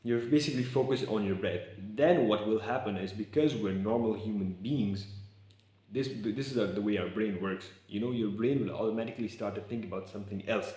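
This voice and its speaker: A young man vlogging in casual, excitable talk to camera, slangy and swearing. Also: on the low side, a little fast. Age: young adult. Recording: echoey room.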